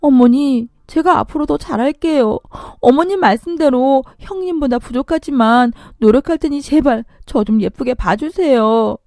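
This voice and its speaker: A meek young daughter-in-law pleads softly and slowly with her mother-in-law in a radio story, as a woman reader acts her out. Her voice is warm and fairly high. The sound is dry and close. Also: dry recording. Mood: pleading. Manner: soft, slow and pleading.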